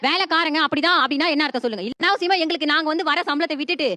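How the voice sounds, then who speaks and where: Woman domestic worker in a debate, very fast and high, indignant, stacking rhetorical questions. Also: sharp tone. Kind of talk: heated debate.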